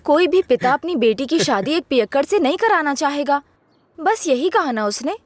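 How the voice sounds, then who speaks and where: A woman's voice: high-pitched, lively intonation, moderate pace, dry recording. An actress dubbing a touchy young woman in a film who scolds and sulks. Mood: scolding. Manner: scolding, sulky. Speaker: dubbed film heroine. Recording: dubbed dialogue over film music.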